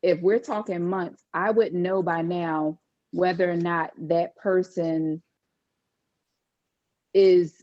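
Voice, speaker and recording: A woman therapist giving advice in a podcast conversation, talking in a measured, explanatory way. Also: fairly low pitch, fairly even intonation, a little mellow. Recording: dull lo-fi sound.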